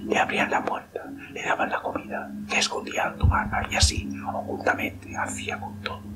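A man reading a ghost story aloud in a steady, hushed whisper throughout. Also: brisk. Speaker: narrator.

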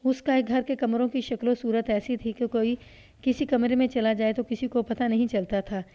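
A woman narrating a read-aloud story in a steady, measured way. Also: on the high side. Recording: dull lo-fi recording.

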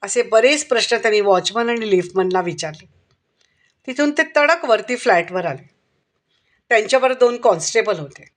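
A woman narrating a crime story in a steady storytelling manner. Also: medium pitch, normal speed.

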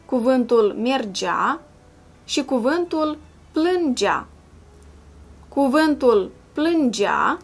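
A woman primary school teacher giving a slow, clear video lesson, patiently spelling out syllables and sounds step by step. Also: fairly high pitch. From Moldova. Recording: voice-over with soft background music.

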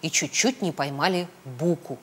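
A woman reading a children's storybook aloud, with expressive, sing-song storytelling. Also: deep voice, normal speed, husky. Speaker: storybook reader. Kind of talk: children's audiobook narration.

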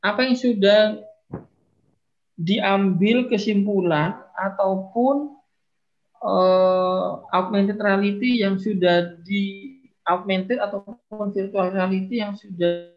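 A male lecturer leading an online class over a video call, his audio choppy and breaking up as he asks his question haltingly. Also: high voice, steady tone, highs cut off. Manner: halting, with fillers.

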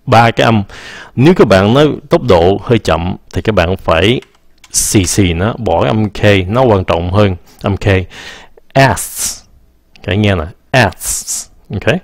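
A man teaching English pronunciation casually, answering viewer questions, stretching words out slowly and laughing at his own slips. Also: fairly low pitch, expressive, dry recording, clean studio sound. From Vietnam. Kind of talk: casual live-stream English lesson.

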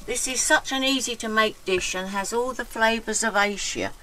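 A woman's voice: on the high side, normal speed, sharp tone, low-quality recording. A woman chatting offhand from across a motorhome, away from the mic. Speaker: vlogger's partner. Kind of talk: casual aside. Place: inside a motorhome.

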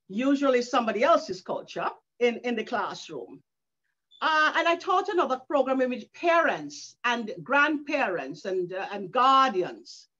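Calling in by webcam from her living room, an elderly author and educator from the Caribbean talks with earnest feeling and frequent restarts. Her voice runs on the high side with a fairly bright tone, though the call audio is dull and lo-fi.

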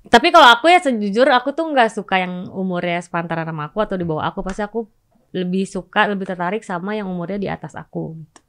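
A young woman from Indonesia, a podcast guest, answering in a relaxed, hesitant way with frequent giggles. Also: mid-range voice, fast. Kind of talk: casual interview chat.

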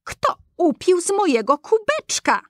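A woman voicing a group of small, cheerful male dwarves in a storybook reading, with high, drawn-out, wondering questions. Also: wildly swooping pitch, dry recording, studio quality, exaggerated voice. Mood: puzzled.

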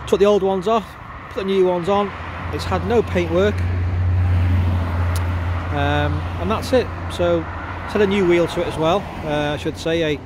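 Higher-voiced car salesman with a cold, noisy outdoors. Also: moderate pace. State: congested with a cold. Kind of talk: casual walkaround sales presentation. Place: outdoors at a car lot, walking around a car. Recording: outdoor handheld video with clear background noise.

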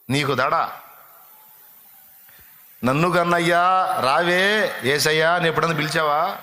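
A man preaching a sermon, passionately asking the congregation rhetorical questions and now and then breaking into slow sung hymn lines. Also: a little high, bright, forceful tone. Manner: addresses listeners directly with rhetorical questions.

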